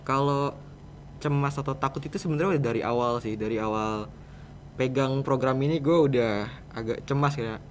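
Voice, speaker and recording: A teenage male student with a Jakarta Indonesian accent answers casually and a bit hesitantly as a podcast guest. His voice is mid-range at a moderate pace, and there is a little hiss or hum in this casual interview chat.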